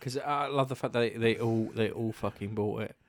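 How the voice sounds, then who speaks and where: A man co-hosting a casual film chat, relaxed and swearing casually. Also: medium pitch, fairly quick, no echo. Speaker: podcast co-host.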